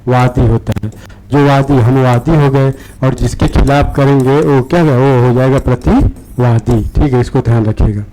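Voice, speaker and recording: A man's voice: medium pitch, steady tone, moderate pace, dark tone, a little hiss or hum, poor audio. A man explaining practice questions to exam students, repeating words and often checking in with "theek hai". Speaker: exam-prep teacher.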